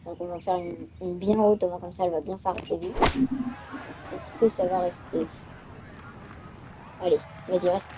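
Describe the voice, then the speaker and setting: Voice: medium pitch, steady tone, moderate pace, long pauses, noisy background. A gaming video host giving casual let's-play commentary, thinking aloud while playing.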